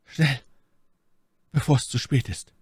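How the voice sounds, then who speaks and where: A man doing a terrified trapped man, strained and high. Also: steady tone, slow, husky, dry recording, clean studio sound. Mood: urgent whisper. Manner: desperate, pleading, half-whispered.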